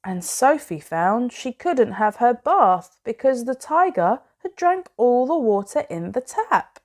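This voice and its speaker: Pitched fairly high, a woman reads a children's bedtime story aloud. Her delivery is measured and expressive, with dramatic pauses.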